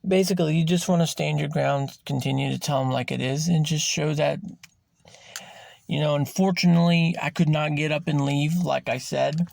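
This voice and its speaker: A man's voice: fairly high pitch, steady tone, vocal fry, a little mellow, no room sound. A man hosting a podcast, talking through a personal story in a raw, emphatic way, swearing freely and drawing words out for emphasis. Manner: slows and stretches words for emphasis. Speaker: podcast host. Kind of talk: candid personal monologue.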